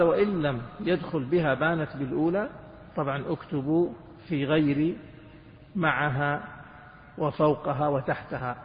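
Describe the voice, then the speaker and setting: A man's voice: a little high, slight background noise. Man teaching in a reverberant hall. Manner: dictates notes to students and quizzes them with questions. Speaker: sheikh teaching Islamic jurisprudence. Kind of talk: classroom lecture on a fiqh text. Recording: muffled lecture recording with hall reverb.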